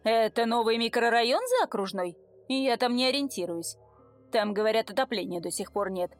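A woman's voice: on the high side, lively intonation, faint music behind, natural voice. A woman voicing a flustered young female intern. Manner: hurried, flustered.

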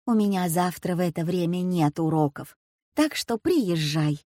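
A woman voicing an elderly grandmother, slow-spoken and sighing, in a storybook reading. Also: fairly low pitch, animated, mellow, no room sound, studio quality. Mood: fussing. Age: over 60. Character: grandmother, gentle old teacher, fussing.

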